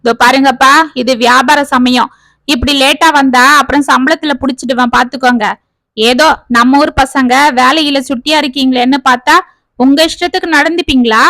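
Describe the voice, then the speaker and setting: A stern middle-aged shop owner, played by a woman reading the story, scolding his staff for lateness. The voice stays high and close, with a dry, roomless sound. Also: fairly even intonation, moderate pace, bright, forceful tone, no room sound.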